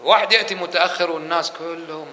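A man teaching a religious lesson to a mosque audience, asking questions and answering them himself. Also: a little high. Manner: fast, lively delivery that drops to quick murmured dhikr runs. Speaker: Islamic scholar teaching a lesson. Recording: echoey room with faint hum.

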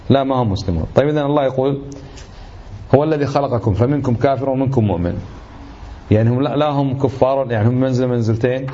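A man's voice: medium pitch, mellow, a little hiss or hum. A man giving a religious lesson, emphatic and indignant, firing off rhetorical questions. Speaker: religious teacher. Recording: slightly dull lo-fi recording.

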